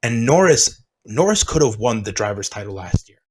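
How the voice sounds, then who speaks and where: A man co-hosts a casual sports podcast in a mid-range voice. He argues his points with animated conviction and calls his friend "dude." The talk is loose and conversational. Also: mid-range voice, normal speed, slight background noise, poor audio. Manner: opinionated, animated, says "dude". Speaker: podcast co-host.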